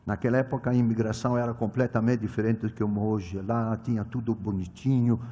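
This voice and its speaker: A man with a lowish voice, little pitch movement and a breathy edge preaches a sermon in Portuguese, not his native language, at a children's ministry conference. Emphatic yet halting, he shifts between loud exclamations and quiet asides, repeating and correcting words mid-phrase, and the hall echoes.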